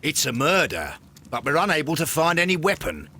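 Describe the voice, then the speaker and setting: A man's voice: fairly high pitch, big pitch swings, brisk, pushed and bright, slight background noise, exaggerated voice. A man acting a blustering, easily flustered Victorian police inspector in a game, with an English accent and emphatic delivery. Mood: brisk reporting. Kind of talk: video game cutscene acting.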